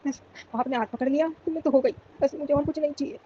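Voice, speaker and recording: Middle-aged woman from Rajasthan, rapid pleading devotional prayer, flat tone, muffled lo-fi home recording. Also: high-pitched, slight background noise. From Rajasthan, India. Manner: pleading, emotional, repetitive devotional chanting. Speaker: devotee giving testimony.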